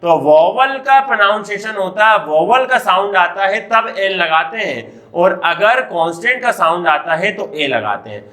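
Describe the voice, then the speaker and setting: A man's voice: high-pitched, expressive, measured pace, hardly any pauses, pushed and bright. An Indian man teaching English grammar in a classroom, asking his students questions and answering them himself. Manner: repeatedly asks and answers his own questions, addressing children. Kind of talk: classroom lecture.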